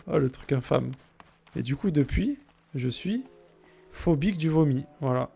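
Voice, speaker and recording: A man's voice: a little high, lively intonation, unhurried, vocal fry, warm tone, breathy edge, soft background music. A man chatting casually and jokingly while streaming a game, answering his viewers' messages. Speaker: let's play streamer. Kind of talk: casual gameplay chat with viewers.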